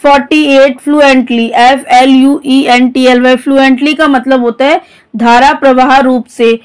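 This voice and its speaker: A woman's voice: high-pitched, steady tone, slow, clean tone. A woman teaching English vocabulary, spelling each word letter by letter and then explaining its meaning. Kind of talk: vocabulary lesson, spelling out words.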